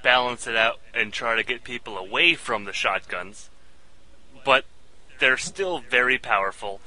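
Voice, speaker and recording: A man's voice: mid-range voice, a little slow, pushed and bright, rough recording. A man hosting a casual gaming podcast, talking with frequent fillers and small chuckles between points.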